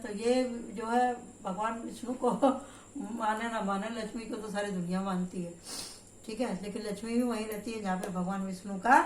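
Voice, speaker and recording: An older woman giving a spiritual tarot reading in a loud, emphatic, preachy way, mixing in storytelling. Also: medium pitch, recorded from a distance, a little hiss or hum. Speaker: tarot reader. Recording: roomy echoey room.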